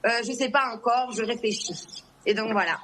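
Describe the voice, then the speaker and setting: Blunt high-voiced young woman guest. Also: moderate pace, fairly bright tone. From Guadeloupe and Morocco. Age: 20s. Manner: blunt, outspoken. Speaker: reality TV personality, guest.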